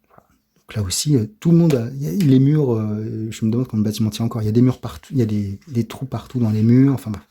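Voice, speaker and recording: A middle-aged man with a French accent giving a soft-spoken ASMR comic review, hesitant and often dropping to a whisper. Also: mid-range voice, husky. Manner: hesitant, fills pauses with "euh" and "voilà", often drops to a whisper.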